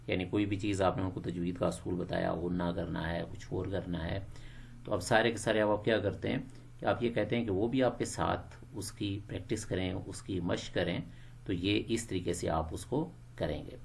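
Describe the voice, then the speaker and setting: A low, gravelly male voice gives a bilingual English lesson for Quran teachers. He explains quickly, then says each model phrase slowly and clearly. Faint noise sits behind him. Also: fairly even intonation.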